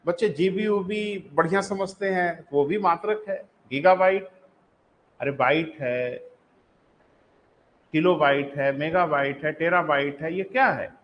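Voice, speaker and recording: A man's voice: high voice, fairly bright tone, rough recording. A male geography teacher with a Hindi accent, giving a live online class. He calls students "beta" and asks and answers his own questions.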